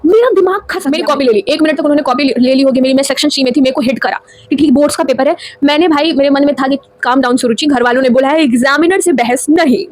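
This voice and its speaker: A teenage woman vlogging from India in casual chat, telling her story in an animated way and mixing in English words. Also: high-pitched. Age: teens. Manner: rapid, animated storytelling with frequent Hindi-English code-mixing.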